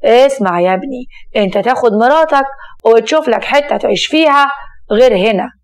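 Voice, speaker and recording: Older dad guy, gruff and kinda foolish, a woman reading him in a story, voice on the high side. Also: animated, a little fast, close to an everyday voice. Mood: stern. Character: foolish older man, stubborn then remorseful.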